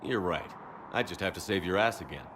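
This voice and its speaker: A man voicing a steady, confident military commander in a video game, measured and assured. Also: deep voice, noisy background. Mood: teasing, confident.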